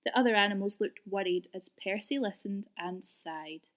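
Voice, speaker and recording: Reading a storybook to children, a woman speaks at medium pitch with deliberate, expressive delivery.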